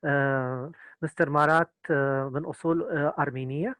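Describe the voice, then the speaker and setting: Very fast interpreter man. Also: fairly high pitch, fairly even intonation, a bit bright. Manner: hesitant, many filler sounds. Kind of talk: consecutive interpreting.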